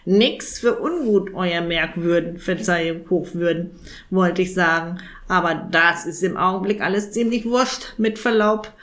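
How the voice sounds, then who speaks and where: A croaking, rasping male raven grumbles bluntly and impatiently in this storybook reading, put on by a woman. He talks slowly and colloquially, sounding skeptical of everything. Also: fairly low pitch, fairly bright tone.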